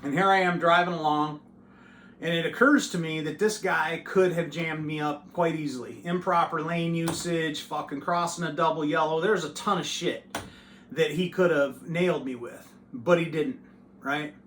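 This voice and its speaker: A man tells a story straight to camera, swearing freely and getting worked up as he goes. His voice is bright and forceful and sits a little high. The room is echoey, with a faint hum of ambience behind him. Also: normal speed. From United States. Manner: profane, animated retelling. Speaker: channel host.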